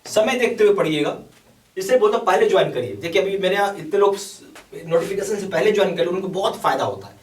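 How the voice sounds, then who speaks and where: A man's voice: high voice, expressive, quick pace. A man teaching as a bank exam coach, laying out a course and urging students on, often checking in with "okay". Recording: echoey room, mic at a distance.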